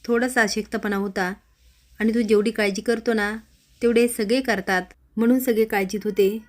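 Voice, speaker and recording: A gentle young wife apologises softly to the family, as a woman storyteller reads her lines. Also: medium pitch, fairly even intonation, normal speed, close to an everyday voice. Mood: apologetic.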